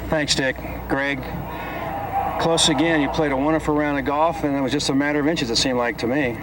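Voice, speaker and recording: A man's voice: fairly high pitch, fairly even intonation, a little fast. A man working as an on-course television interviewer, putting questions in a sports interview. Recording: distant voice with clear outdoor noise.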